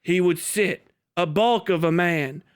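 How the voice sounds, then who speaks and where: A man with a high-pitched, clean voice hosts a livestream, reading aloud and riffing unhurriedly in a casual, incredulous, foul-mouthed style. As a host and commentator, he acts out mocking imagined dialogue.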